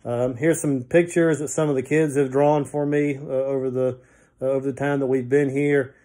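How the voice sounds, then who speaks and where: A man's voice: mid-range voice, level tone, moderate pace, dark tone. A man in his forties, a pastor, giving a casual rambling tour of his small wood-paneled office, filmed on a phone at arm's length. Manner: friendly, rambling tour talk with fillers. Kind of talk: casual video devotion. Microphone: phone camera at arm's length.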